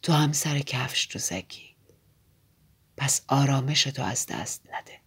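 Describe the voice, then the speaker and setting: A woman reading an audiobook voices a brooding aristocratic man in a low, soft, often whispered voice. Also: slightly rough, exaggerated voice. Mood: tender, solemn.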